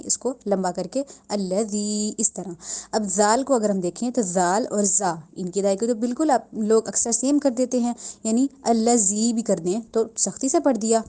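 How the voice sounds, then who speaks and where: A young woman leads a slow tajweed lesson, with a soft, mellow voice. She repeats each sound patiently and stretches words out to show how they are said. Her pitch sits at an ordinary middle height. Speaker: Quran recitation teacher.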